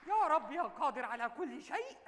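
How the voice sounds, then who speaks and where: An actor with an Egyptian accent playing a scheming young suitor who speaks in pompous mock-formal Arabic in a live stage comedy. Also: male voice, very high-pitched, big pitch swings, a little fast, fairly bright tone, some chatter behind, a little hiss or hum, exaggerated voice. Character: scheming young male suitor plotting for the throne. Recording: theater stage with long reverb.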